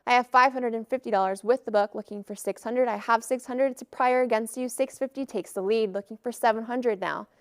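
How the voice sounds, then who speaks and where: A woman auctioneer calling bids in a live auction with brisk, formulaic patter. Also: a little high, fairly even intonation, clear, resonant tone, dry recording, studio quality.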